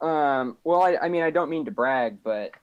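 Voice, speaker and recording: A man's voice: a little high, lively intonation, moderate pace, clear, resonant tone, highs cut off. A man playing a tabletop game on a live stream, talking in character with lots of hesitation and trailing off. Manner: hesitant, full of ums and trailing off. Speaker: player.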